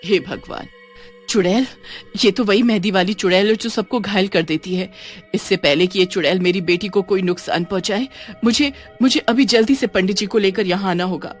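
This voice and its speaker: A woman voicing an alarmed middle-aged mother in an animated horror story, frantic and hurried. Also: mid-range voice, soft background music, natural voice.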